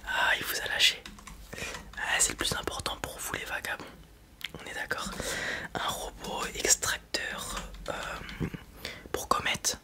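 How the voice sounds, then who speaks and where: Soft whispers carry this ASMR performance, where the roleplayer takes on the part of a space robot salesperson who wanders from place to place. The pace is slow and a little hesitant.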